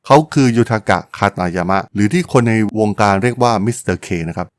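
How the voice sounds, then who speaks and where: A man's voice: lowish voice, quick pace, no room sound. A man hosting a podcast, telling a business history story in a polite, chatty way with frequent exclamations. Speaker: podcast host.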